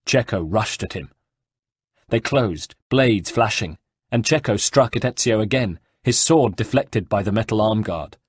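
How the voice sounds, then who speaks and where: A man narrating an audiobook in a steady storytelling delivery. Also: fairly low pitch, a little slow, slightly rough, dry recording, clean studio sound. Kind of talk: scripted narration.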